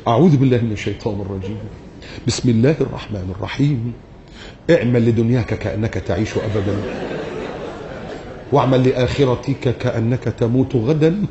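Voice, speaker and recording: A man's voice: medium pitch, fairly quick, warm tone, dull audio, a little hiss or hum, pitched below the performer's own voice, natural voice. A man with an Egyptian accent putting on the voice of a foolish, pompous man who solemnly recites a made-up verse. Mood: mock-solemn.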